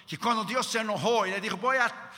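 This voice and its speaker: A man preaching a sermon in a church, dramatic, dropping to a hush and acting out quotes in lowered voices. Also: quick pace. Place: large church hall. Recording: long church hall reverb.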